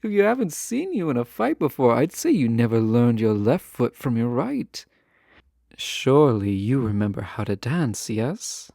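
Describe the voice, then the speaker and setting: This medium-pitched male voice is very animated, with vocal fry and a dark tone. He plays a refined, guarded but affectionate fantasy ruler in a romantic audio roleplay, speaking formally and measuredly while slipping in teasing asides. The studio-quality recording has no echo.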